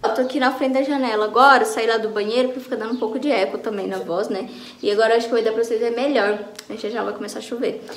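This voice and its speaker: A woman's voice: fairly high pitch, fairly even intonation, fast talker. A Brazilian woman with a Brazilian accent, chatting enthusiastically in a casual beauty vlog from her home. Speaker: vlogger. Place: home, bathroom then by a window. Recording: echoey room with faint noise.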